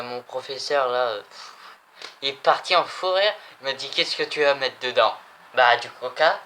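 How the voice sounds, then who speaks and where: A man's voice: medium pitch, bright, forceful tone, slight background noise. A young man chatting casually in a vlog, rambling and repeating himself. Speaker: vlogger. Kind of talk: casual chat showing souvenirs.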